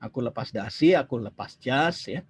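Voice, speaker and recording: A man's voice: mid-range voice, animated, moderate pace, a little hiss or hum. A man, preaching a sermon as a chatty story, acting out dialogue and dropping in English phrases. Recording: dull lo-fi sermon recording.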